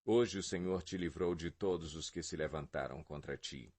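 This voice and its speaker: A man's voice: a bass voice, moderate pace, darkish tone, dry recording. A man reading the lines of a foreign messenger formally addressing a king, in a Bible audio reading. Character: foreign male messenger with news.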